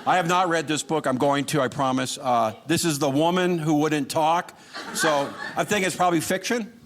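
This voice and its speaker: At a moderate pace and with a voice on the high side, a man does stand-up for a live crowd, his delivery dry and sarcastic. Audience laughter and noise sit behind him in the noisy show recording.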